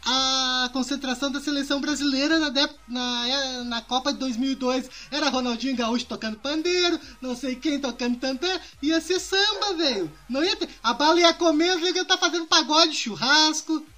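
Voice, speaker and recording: A man with a high, bright voice co-hosts a rowdy podcast. He builds silly, far-fetched scenarios, swears casually and keeps the banter going with his friends. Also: moderate pace, few pauses. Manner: spins absurd jokey scenarios, swears freely. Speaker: podcast co-host.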